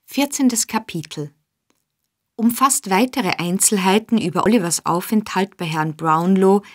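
A woman's voice: mid-range voice, dry recording. Woman narrating a classic novel, dry and close. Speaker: audiobook narrator. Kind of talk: scripted narration.

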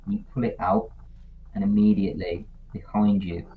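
A man acting as game master narrates a tabletop game, describing scenes steadily and using fillers. His voice is fairly low and flat, at normal speed, heard through tinny voice-chat audio with faint noise.

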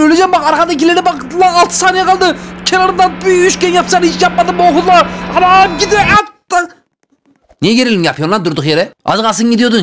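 A man hosting a gaming channel, giving excited, joking gameplay commentary straight to his viewers. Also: very high voice.

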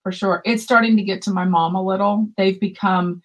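Steady in tone and fairly quick, this mid-range voice belongs to a woman in her fifties who co-hosts a yarn shop livestream over a webcam video call. She chats casually and reads viewers' comments out loud, with yarn shelves visible in the room behind.

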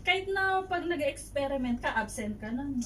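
A woman's voice: high-pitched, lively intonation, moderate pace, fairly bright tone. A woman in a casual chat with friends, insistently explaining her point. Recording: distant mic with background noise.

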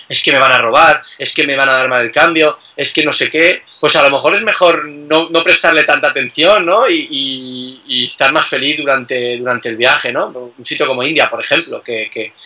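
A man chatting casually as a guest about travel, relaxed, with many fillers and tag questions. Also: a little high, rough recording. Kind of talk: casual conversation.

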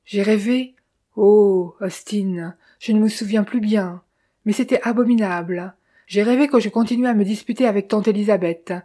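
A nervous, pleading man in an audiobook scene, read by a woman. His voice is mellow and dark, and he sounds plaintive and shaken. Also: mid-range voice, moderate pace, close to an everyday voice. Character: anxious, plaintive man accused of a killing.

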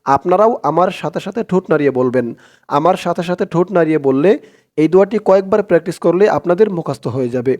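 A man teaching a prayer phrase by phrase, chanting the words slowly and drawn out between plain spoken explanations. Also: on the high side, expressive, a little mellow. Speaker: Arabic teacher.

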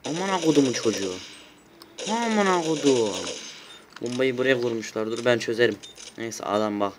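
A man in the middle pitch range yells and swears his way through a round of a shooter, excitable and quick to blow up at his team. Faint background hiss and keyboard clicks sit under his home recording. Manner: shouty, excitable, swears a lot. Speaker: gaming YouTuber. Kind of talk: loud gameplay commentary.

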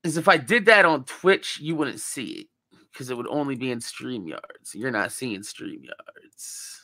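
A man's voice: mid-range voice, lively intonation, unhurried, pushed and bright, no room sound. A young man with a groggy morning voice, chatting casually to his live-stream viewers in a laid-back, rambling way with plenty of swearing. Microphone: desk mic.

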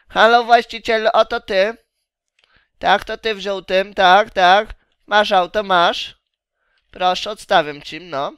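Brief: woman, casual game commentary, unhurried, crisp and dry. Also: medium pitch, fairly bright tone, no echo. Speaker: gameplay commentator.

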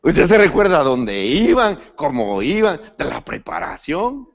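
A male pastor preaching a sermon in an animated, swooping voice pitched somewhat high, calling the congregation "brother" and often restarting mid-phrase. The recording is dull and lo-fi. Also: a little slow. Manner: lively pitch swings, rising to sudden emphatic peaks.

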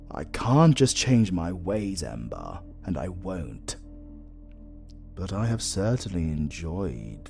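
In a romantic comedy audio roleplay, a British man plays a flirtatious, sardonic supervillain, drawling slowly and teasing with theatrical drama. His medium-pitched voice is creaky, a bit bright and heavily acted.

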